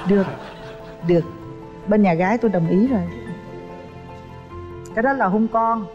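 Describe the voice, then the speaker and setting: A woman's voice: medium pitch, normal speed, big-room sound, highs cut off, soft background music. Effusive woman co-hosting a dating show. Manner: warm, teasing, effusive. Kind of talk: casual chat.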